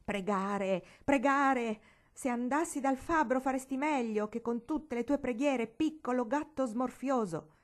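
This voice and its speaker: A woman's voice: medium pitch, very animated, fairly quick, few pauses. A woman voicing a defiant, spiteful young girl who talks in a bold, mocking way. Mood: scornful.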